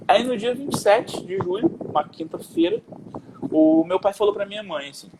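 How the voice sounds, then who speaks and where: A man's voice: sits high, very animated, normal speed, background noise. A man on a video call casually telling a personal faith testimony, acting out the quoted dialogue with slang fillers. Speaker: guest sharing a faith testimony.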